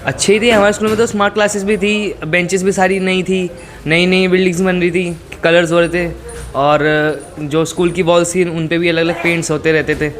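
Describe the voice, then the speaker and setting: A young male student with a slightly high voice answers a reporter on the street. He speaks casually and hesitantly, restarting his sentences and dropping in English words. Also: flat delivery, brisk. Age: young adult. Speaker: college student being interviewed.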